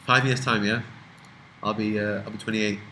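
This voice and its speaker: Young british guy, twenties, lowish voice, casual rambling chat, swears a lot, faint hiss. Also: fairly even intonation, moderate pace, pushed and bright, rough recording. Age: 20s. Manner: rambling, swears freely, trails off and restarts. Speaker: vlogger answering viewer questions.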